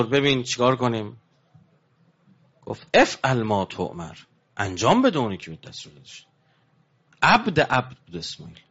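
A man giving a religious lecture, animated with rising emphasis, dropping low and hushed when he tells a story. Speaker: preacher. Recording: dull lo-fi recording.

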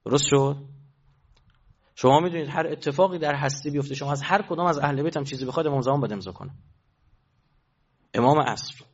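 A male preacher delivering a storytelling sermon, emphatic, swinging between hushed and raised delivery. His voice sits fairly high, and the recording sounds dull and lo-fi. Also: long pauses, breathy edge.

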